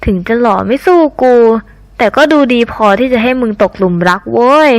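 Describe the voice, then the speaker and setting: A crude, teasing teenage boy, read by a woman in a storybook reading. He sounds boastful and coarse, and his voice sits a little high. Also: lively intonation, moderate pace.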